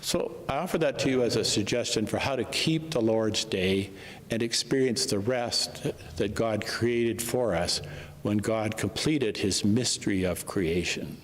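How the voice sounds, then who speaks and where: A man speaking as a priest, reading scripture and preaching a reflective homily in measured, deliberate phrases, with a cathedral-like echo. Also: lowish voice. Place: large reverberant church, speaking to a congregation. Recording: long cathedral-like church reverb.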